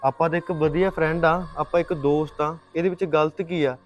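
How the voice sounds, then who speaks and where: A man's voice: a little high, steady tone, fairly quick, faint music behind, lightly acted. A young man in a short film playing a caring college friend who reassures her. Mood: concerned. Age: young adult.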